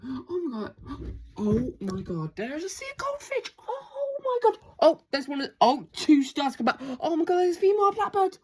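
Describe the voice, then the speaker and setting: A woman filming birds through a window at home, giving casual, excitable commentary full of gasps and exclamations. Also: high voice, normal speed. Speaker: birdwatcher filming her garden.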